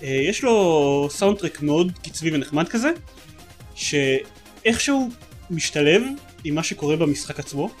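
A man's voice: on the high side, lively intonation, faint music behind. A man co-hosting a casual gaming podcast, talking eagerly and rambling with many fillers. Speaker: podcast co-host.

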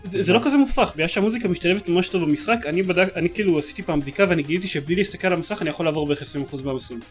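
Over soft background music, a high-pitched male podcast co-host chats eagerly about games on a casual show, rambling and using plenty of fillers.

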